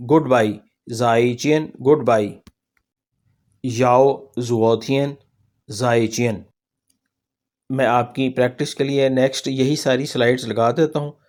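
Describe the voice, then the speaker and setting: A man's voice: mid-range voice, slow, a little mellow. A man with a Pakistani Urdu accent teaching pronunciation over slides, patiently repeating each word for practice. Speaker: language teacher. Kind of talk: slide-based pronunciation lesson.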